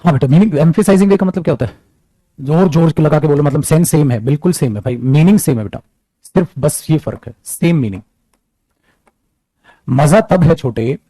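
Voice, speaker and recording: A man teaching an English grammar class, talking lively and calling his students beta as he mixes English terms into his talk. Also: on the high side, no room sound. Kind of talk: classroom lecture.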